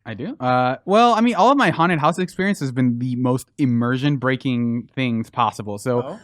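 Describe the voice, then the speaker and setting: A man's voice: medium pitch, lively intonation, normal speed, no echo, studio quality. A man on a gaming podcast telling a rambling anecdote, restarting his sentences and chuckling as he goes. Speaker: podcast co-host. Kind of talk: casual storytelling on a podcast.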